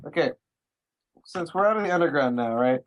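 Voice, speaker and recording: Inquisitive young tabletop player. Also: male voice, a little high, lively intonation, brisk. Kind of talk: casual tabletop chat.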